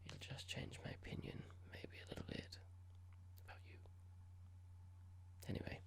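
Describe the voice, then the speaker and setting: With a natural-sounding voice, a performer whispers the part of a cold, smug corporate boss in an ASMR roleplay. The speech is slow and measured, with breathy creak and mock courtesy, and the tone is dismissive and condescending.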